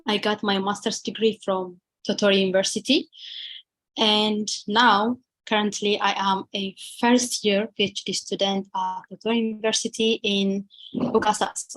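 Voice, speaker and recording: A woman's voice: mid-range voice, dry recording. Ethiopian woman presenting on a video call. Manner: halting, many fillers and restarts. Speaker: PhD student presenter. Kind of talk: webinar presentation.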